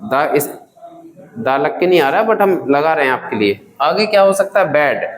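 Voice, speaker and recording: Calling his students children, a man drills them on grammar with repeated questions during a classroom lesson. He speaks at a normal speed in a slightly high voice with lively intonation, and the low-quality recording sounds roomy.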